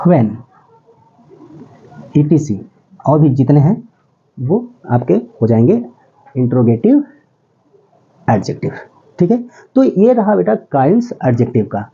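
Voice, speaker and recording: A man's voice: medium pitch, breathy edge, lo-fi sound. A man teaching English grammar step by step, often asking his students if they follow and calling them "beta". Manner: explains step by step, often checks with "ठीक है?". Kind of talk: classroom lesson.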